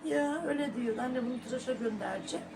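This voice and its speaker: A woman's voice: a little high, fast talker, background noise. A middle-aged woman vlogging at home, talking to her viewers in a sorrowful, prayerful way and sometimes calling sharply to her dog. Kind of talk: casual home vlog talk to viewers.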